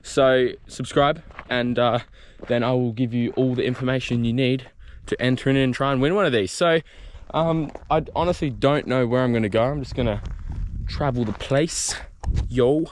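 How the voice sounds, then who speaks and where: A man's voice: medium pitch, moderate pace, slight background noise. Rambling Australian guy vlogging outdoors. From South Australia. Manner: chatty, rambling, jokey with lots of ums. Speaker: mountain bike vlogger. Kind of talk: casual vlog chat. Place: outdoors on bush trails.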